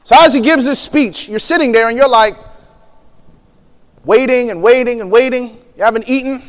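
A high-pitched man tells a story in a sermon, slipping into the voices of the people he quotes and laughing between lines. His voice rings with the long reverb of a big hall. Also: moderate pace. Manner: vivid storyteller, acts out quotes, laughs often. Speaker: preacher.

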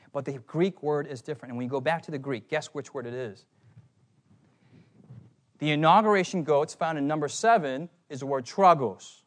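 A young man preaching a sermon, animated and often asking his listeners questions. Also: fairly high pitch. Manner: animated, asks the audience questions.

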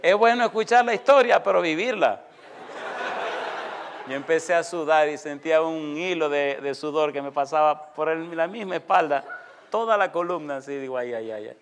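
A man preaching to his congregation with a somewhat high voice. He tells his story in a lively, folksy way, acting out sound effects and quoting the people in it. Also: normal speed, slight background noise. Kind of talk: sermon with personal story.

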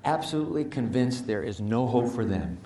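A man's voice: medium pitch, expressive, measured pace, dark tone, roomy sound, slight background noise. A man preaching a sermon in short phrases for an interpreter, emphatic and storytelling. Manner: emphatic, acts out voices in the story.

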